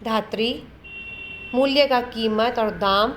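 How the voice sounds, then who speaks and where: A woman teacher reads a children's textbook story aloud and explains it in simple words. She then goes through word meanings and synonyms one by one in a fairly high voice. Faint background noise sits under the voice. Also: takes it slowly, a bit bright. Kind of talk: reading and explaining a textbook lesson.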